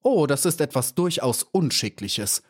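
A man's voice: medium pitch, big pitch swings, normal speed, a little mellow, breathy edge. A man voicing a stern, fussy old female bee who lectures and sighs, in a storybook reading. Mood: lecturing. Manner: scolding, sighing, lecturing.

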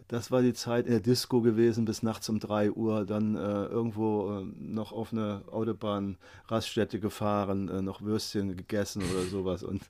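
Guest: gravelly, lowish male voice in his fifties, chatty storyteller full of fillers. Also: mellow. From Germany. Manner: rambling storyteller with many fillers and chuckles. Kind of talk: casual chat.

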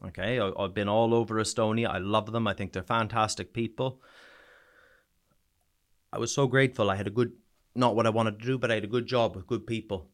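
A podcast guest and soldier returned from war, he speaks with fairly low pitch and fairly even intonation, telling his story frankly but haltingly. He grew up in a small New Brunswick town in eastern Canada, and his Canadian accent carries an Irish-sounding twang.

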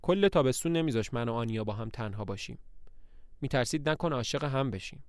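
A man's voice: medium pitch, lively intonation, clear, resonant tone, no room sound, clean studio sound, natural voice. A man reading the lines of a young male eternal student who lectures and mocks, in a lofty tone. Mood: lecturing.

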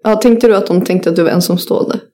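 Mellow-voiced young woman asking questions. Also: on the low side. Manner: probing, reactive listener asking follow-up questions. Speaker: podcast co-host. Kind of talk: casual chat.

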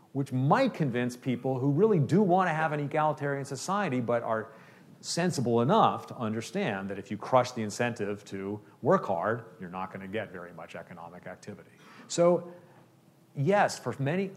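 A man fielding audience questions at a talk. He explains his points step by step and keeps checking in with the room. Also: medium pitch. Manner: explanatory, uses "okay?" often. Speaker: speaker answering questions. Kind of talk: lecture Q&A.

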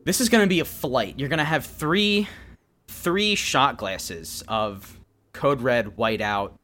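A man co-hosting a comedy podcast, telling an absurd story in a rambling, deadpan way. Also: mid-range voice, slow pace. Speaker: podcast co-host. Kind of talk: comedic casual chat.

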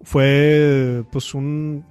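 A man's voice: on the high side, flat delivery, very slow, a little mellow, clear, resonant tone, faint music behind. A man, a podcast guest and author, talking casually with slang and many fillers.

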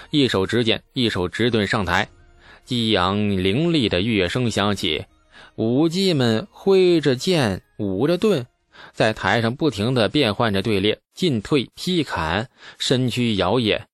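A man narrating a historical novel as an audiobook in a steady storytelling manner. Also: medium pitch, no room sound. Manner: steady storytelling with asides to listeners.

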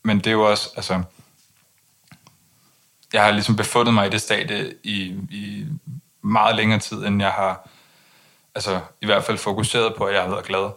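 A young man speaking in a monotone, low-key way with many hesitant restarts, talking candidly as an interview guest. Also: long pauses. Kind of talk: candid personal conversation.

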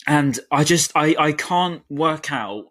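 A man's voice: on the high side, animated, takes it slowly, a bit bright. A young man co-hosting a football podcast, venting his frustration in casual chat. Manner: frustrated, ranting. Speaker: podcast co-host.

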